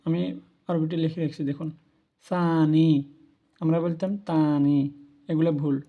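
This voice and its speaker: A man's voice: on the high side, steady tone, normal speed, narrow, tinny audio. A man giving a spoken language lesson, patiently repeating each word for learners. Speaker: language teacher. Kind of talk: spoken lesson on Arabic pronunciation.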